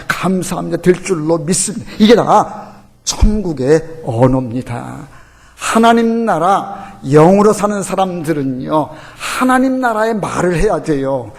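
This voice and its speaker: A man preaching from the pulpit with a gravelly, husky voice pitched somewhat high. His sermon delivery is emphatic, climbing to forceful peaks and then dropping to near-hushed lines. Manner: emphatic preaching with sudden rises and hushed drops. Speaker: pastor. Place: church sanctuary.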